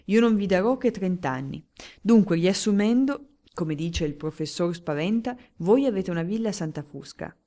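A woman voicing a talkative, flattering male newspaper journalist in an audiobook, speaking in a glib, declamatory way. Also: fairly low pitch, normal speed, natural voice. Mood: eager. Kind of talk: audiobook character reading.

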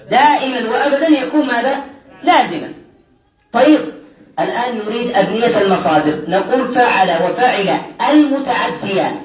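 A man teaching a grammar class, lecturing and constantly quizzing his students to check they follow. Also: very high voice. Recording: echoey room, mic far off.

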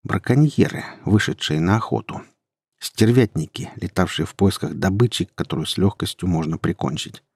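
Young male narrator, husky, lively delivery, dry close sound. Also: low-pitched, normal speed, no room sound. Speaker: audiobook narrator. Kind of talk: first-person story narration.

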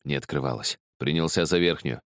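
A man with a very low voice reads an audiobook in a measured, grave manner. The recording is dry and close, with no room sound. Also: no room sound. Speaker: audiobook narrator. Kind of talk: dramatic audiobook narration.

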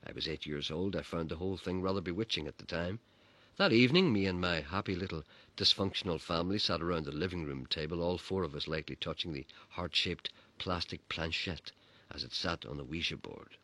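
A man's voice: deep voice, a little fast, fairly bright tone. A man telling a childhood story with dry, wry humor. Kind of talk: personal story narration.

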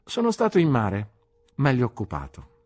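Man voicing a jovial young gentleman, careless, loud and teasing, raised husky voice, lively swings. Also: medium pitch, moderate pace, pitched above the performer's own voice. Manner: breezy, teasing, boisterous. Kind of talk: audiobook reading.

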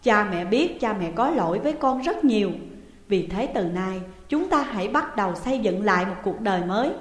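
A woman's voice: mid-range voice, expressive, moderate pace, lightly acted. A woman voicing a middle-aged mother who scolds and coaxes her daughter. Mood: coaxing. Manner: loud, scolding then coaxing. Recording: echoey room with long reverb.

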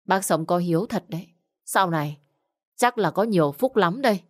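A woman's voice: on the low side, animated, normal speed, no room sound, clean studio sound. A woman voicing a poor young village girl who speaks politely and pleads. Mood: pleading.

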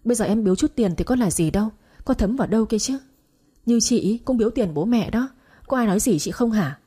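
A woman's voice: on the high side, animated, brisk, warm tone, slightly rough. Woman reading as a firm exasperated husband. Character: firm young husband defending his wife.

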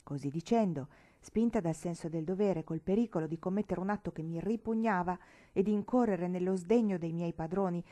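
A woman reading a classic novel aloud as an audiobook, narrating in first person in a measured, expressive way. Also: on the low side. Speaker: audiobook reader.

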